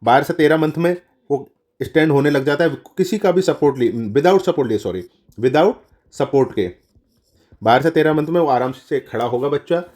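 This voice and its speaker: A man's voice: fairly high pitch, fairly quick, darkish tone. A man teaching nursing exam questions in a lecture, addressing students as children, repeating key answers and correcting himself as he goes. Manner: mixes English terms into Hindi explanation.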